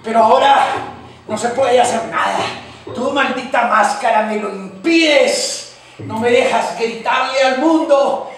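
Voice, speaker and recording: An actor with a Colombian accent playing an anguished man tormented by his mask in confinement, in a declamatory theatrical monologue with stretched pauses. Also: very high voice, vocal fry, exaggerated voice. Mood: bitter longing. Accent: Colombian Spanish. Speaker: stage actor. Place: theater stage. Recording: echoey live stage, far mic, loud music.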